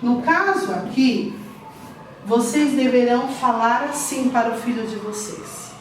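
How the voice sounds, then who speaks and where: Slow, patient woman teacher in an echoey room. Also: on the high side. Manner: slow, patient, repeats syllables and asks "tudo bem?". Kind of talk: literacy lesson for parents. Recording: echoey room, voice from a distance, faint hiss.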